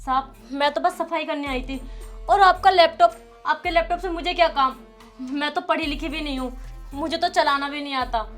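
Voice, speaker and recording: A woman's voice: sits high, steady tone, brisk, a bit bright, faint music behind. A woman playing a humble housemaid who defends herself in a meek, pleading way. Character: humble young female housemaid, hurt but firm. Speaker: maid. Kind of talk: short film acting.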